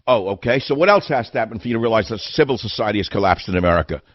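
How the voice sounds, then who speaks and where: A man's voice: lowish voice, animated, racing, no room sound, lo-fi sound. An older man hosting a radio talk show, delivering an indignant monologue full of hammering rhetorical questions. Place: radio studio.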